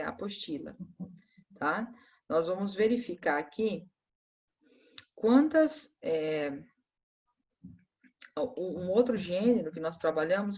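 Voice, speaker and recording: Lady teacher going over a review, patient, keeps checking in with the class. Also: lowish voice. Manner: patient, explanatory, frequent tag questions.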